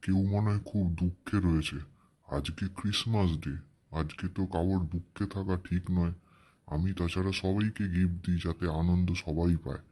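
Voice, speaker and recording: A man voicing a kindly, fatherly Santa figure in a cartoon story, speaking in a gentle, reassuring manner. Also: sits low, steady tone, normal speed. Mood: concerned. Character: kindly, fatherly male Santa Claus comforting a child.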